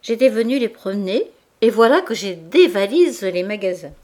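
A woman reading the part of an exasperated, chatty bourgeois mother in a storybook reading, complaining with animated indignation. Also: medium pitch, moderate pace, lightly acted. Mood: indignant.

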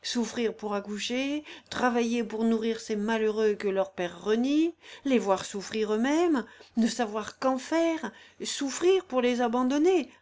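A woman's voice: mid-range voice, expressive, a little slow, a little mellow, lightly acted. A woman voicing a fierce, robust singer in agonizing labor, cursing, defiant and cynical. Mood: bitter. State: in agonizing pain.

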